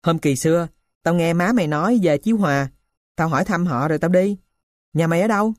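A woman's voice: on the low side, brisk, no echo, studio quality, close to an everyday voice. Woman reading a grieving runaway boy. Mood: earnest. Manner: plain, earnest, confiding. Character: poor runaway boy, grieving his dead sister.

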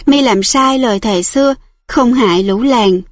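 A woman's voice: on the high side, measured pace, dry recording, clean studio sound, close to an everyday voice. A woman reading aloud as a grieving older village man who speaks bluntly and commandingly, in an audiobook style.

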